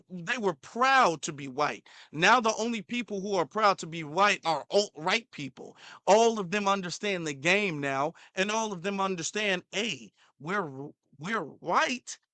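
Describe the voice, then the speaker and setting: A man's voice: high-pitched, sharp tone, no room sound. A man hosting a commentary channel, reacting to a clip in a heated, repetitive way, sometimes stumbling over his words.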